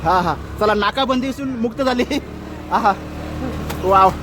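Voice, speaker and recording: A man's voice: sits high, measured pace, background noise. A man vlogging as he walks through a street festival, chatting, exclaiming and greeting passers-by. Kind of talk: casual walking vlog commentary. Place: outdoor city street at a festival. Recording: loud street crowd behind.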